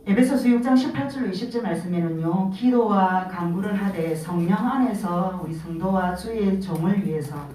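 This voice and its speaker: A woman's voice: medium pitch, normal speed, few pauses. A woman in her fifties giving an earnest sermon, telling family stories and acting out what her children say. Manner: earnest, storytelling, animated quoting of family. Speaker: church speaker. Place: church sanctuary. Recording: roomy church sound from far off, faint ambience.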